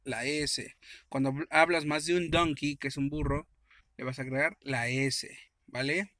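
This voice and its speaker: A man teaches an English grammar lesson with a bright, forceful voice. His voice sits a little high for a man, and the sound is dry and close. He explains step by step and often answers the questions he asks his listeners. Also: steady tone, measured pace, dry recording.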